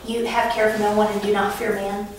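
A woman with a medium-pitched, flat voice talks fairly quickly, picked up from afar in an echoing room with slight background noise. As a Bible teacher giving a preaching class, she keeps it conversational and anecdotal, laughing occasionally mid-story.

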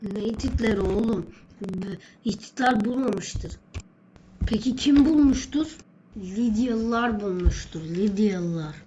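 A woman's voice: mid-range voice, a little slow, dark tone, highs cut off, a little hiss or hum, close to an everyday voice. A woman voicing a stern, bossy male schoolteacher who quizzes and scolds a pupil in a homemade skit. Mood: scolding. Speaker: social studies teacher character.

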